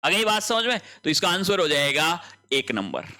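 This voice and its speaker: A man's voice: on the high side, very animated, moderate pace, sharp tone. A man working through an exam answer key as a tutor, explaining each option step by step and checking in with his students.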